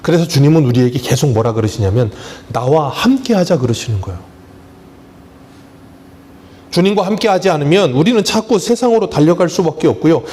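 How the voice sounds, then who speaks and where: A man's voice: a little high, lively intonation, fast talker, few pauses, mellow. A middle-aged man, a pastor, preaching a sermon and asking the congregation questions as he goes.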